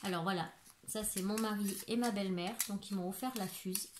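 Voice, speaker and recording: A woman's voice: medium pitch, fairly even intonation, a little fast. Chatty woman in her forties, echoey room. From France. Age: 40s. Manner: chatty, rambling, many fillers and restarts. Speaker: crafting YouTuber. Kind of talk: casual haul video. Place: home living room. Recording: echoey room with background noise.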